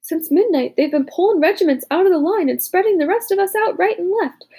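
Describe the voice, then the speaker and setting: An anxious young soldier talks in a tense, worried rush, as a woman narrator puts him on. His voice climbs high and gets louder. Under it there is a gravelly edge. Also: fairly quick.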